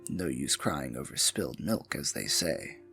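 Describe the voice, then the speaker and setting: Here a man voices the same falsely sympathetic royal advisor for an audio roleplay, in a low, gravelly full character voice that is expressive, unhurried, bright and forceful. Silky and mock-sympathetic, he soothes and patronizes, frequently dropping to a murmur, with faint music behind this intimate, theatrical fantasy ASMR acting.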